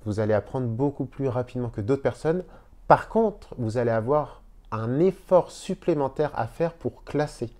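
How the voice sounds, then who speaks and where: In an informal hotel-room video, a man teaches Spanish by explaining slowly with repeated words. His delivery is animated and mellow, at a medium pitch.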